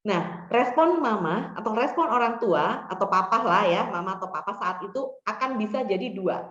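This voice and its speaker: A woman's voice: mid-range voice, lively intonation, normal speed, fairly bright tone. A woman counselor speaks in a casual, conversational way. She gives practical advice and slips into short acted-out exchanges. The recording is lo-fi and roomy, with a muffled, echoing sound. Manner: conversational, acts out example dialogues. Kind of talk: workshop talk giving advice.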